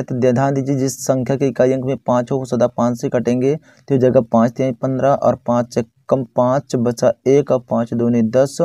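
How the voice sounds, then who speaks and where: A man's voice: mid-range voice, dark tone, no room sound. A man teaching a math lesson step by step, counting aloud patiently and checking in often with the viewer.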